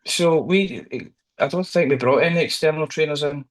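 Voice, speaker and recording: A man with a Glaswegian accent, talking through his workplace training and risk assessment work in an interview, hesitant with many pauses and restarts. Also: fairly high pitch, poor audio. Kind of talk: conversational professional discussion.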